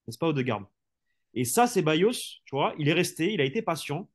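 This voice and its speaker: A man's voice: a little high, very animated, a little fast. A man, a sports journalist, arguing his points in a casual football debate with rhetorical flourishes and frequent conversational fillers. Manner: argumentative, rhetorical, fills speech with "tu vois".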